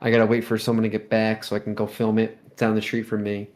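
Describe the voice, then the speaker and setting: A man's voice: on the low side, monotone, fast, darkish tone. A man co-hosting a podcast in casual chat, talking in a slangy, exclamatory way. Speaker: podcast co-host.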